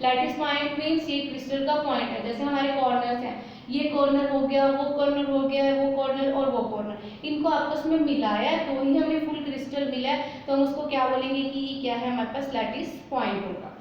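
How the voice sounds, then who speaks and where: A woman's voice: high voice, steady tone, fairly quick. A woman teaching a chemistry lesson, often asking a question and then answering it herself, with English terms mixed in. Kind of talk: classroom lesson explaining at a board. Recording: very echoey room, dull lo-fi sound, faint noise.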